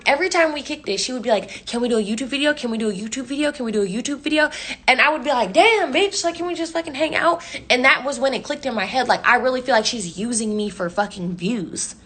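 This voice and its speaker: A young woman telling a story in casual slang, swearing constantly and acting out the people she quotes. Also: fairly high pitch. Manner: profane, slangy, animated retelling with quoted voices.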